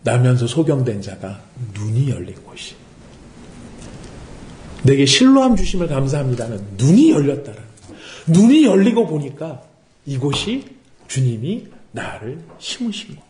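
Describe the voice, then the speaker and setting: A man's voice: mid-range voice, big pitch swings, moderate pace, a little mellow, reverberant, a little hiss or hum. A man preaching a sermon as pastor, asking rhetorical questions and acting out quotes. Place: worship service room.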